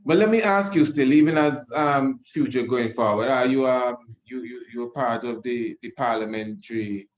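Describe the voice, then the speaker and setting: A man's voice: medium pitch, normal speed, hardly any pauses, poor audio. A man hosting a casual interview, often interjecting with short affirmations. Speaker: interview host.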